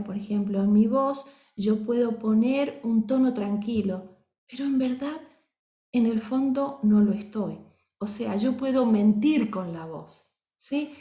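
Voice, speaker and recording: A woman's voice: a little high, darkish tone. A woman teaching a voice course, explaining patiently and often checking that her listeners are following. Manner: keeps checking in with the audience; explanatory, acts out example voices. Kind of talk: course lecture. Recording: roomy reverberant sound.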